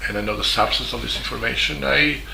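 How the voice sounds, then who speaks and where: Halting Serbian-accented man, bright tone. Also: mid-range voice, gravelly, a little hiss or hum. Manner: halting, with many fillers and restarts. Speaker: journalist. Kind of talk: spoken statement. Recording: echoey room with faint ambience.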